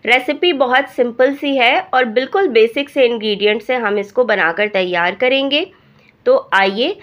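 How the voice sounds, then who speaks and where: A woman with a hoarse voice from a cold, calmly talking through a recipe step by step as a cooking channel host. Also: a little high. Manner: calm step-by-step instructing. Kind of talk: recipe voice-over narration. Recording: dull lo-fi voice-over.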